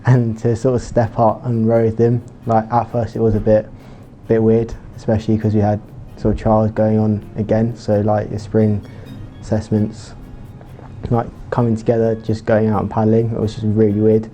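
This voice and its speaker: A late-teen man chats through interview answers, loose and full of "like" and "sort of". His tone is very dark and mellow, and it stays level. Light music plays under him. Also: on the low side, completely flat delivery, normal speed. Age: late teens. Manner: loose, chatty, many fillers. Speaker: junior rowing crew member.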